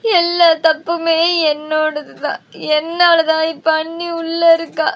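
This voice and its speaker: A woman's voice: extremely high pitch, steady tone, moderate pace, highs cut off. A woman voicing a remorseful young woman in a cartoon, speaking anxiously. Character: young woman, guilty and tearful. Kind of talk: cartoon dubbing.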